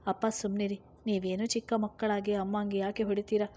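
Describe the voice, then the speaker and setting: A worried young daughter, earnest and protective of her mother, as a woman narrator voices her. She speaks at an everyday pitch, pressing and heartfelt, in a spoken storybook. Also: fairly even intonation, fairly quick, darkish tone, lightly acted. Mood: pleading. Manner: pleading, protective.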